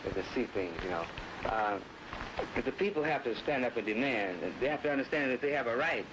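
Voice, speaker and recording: A man speaking as an activist in an archival interview, talking in a loose, rushed way with "you know" and "you see" tags, heard through old newsreel film sound. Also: medium pitch, lively intonation, background noise.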